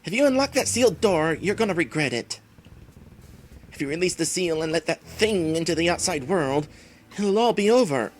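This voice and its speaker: A man's voice: a little high, lively intonation, moderate pace, slight background noise, close to an everyday voice. A man voicing a worried game hero, earnest and dramatic as he warns of catastrophe. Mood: warning. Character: urgent, worried hero warning against catastrophe. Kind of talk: dramatic reading of RPG game dialogue.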